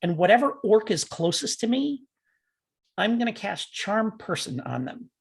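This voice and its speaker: A man's voice: high-pitched, very animated, normal speed, vocal fry, breathy edge. A man playing in a tabletop game, rambling and correcting himself as he explains his moves. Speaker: player. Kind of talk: casual tabletop play.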